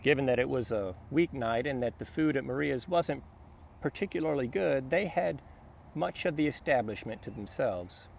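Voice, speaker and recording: Steady man narrating a novel. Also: medium pitch, normal speed, vocal fry, slight background noise. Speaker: audiobook narrator. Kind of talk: scripted narration.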